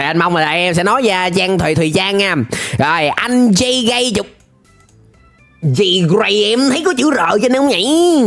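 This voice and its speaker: Using a close desk microphone and headset, a young adult reaction video host with a southern Vietnamese accent chats casually, reacting in a playful, exclamatory way. His voice is high with a fairly bright tone.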